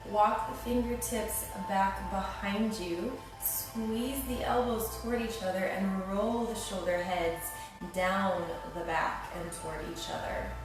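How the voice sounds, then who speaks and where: A woman teaching yoga, guiding a class in a soothing, unhurried manner. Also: mid-range voice. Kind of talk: guided yoga class instruction. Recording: very echoey room, distant mic, music behind. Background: music.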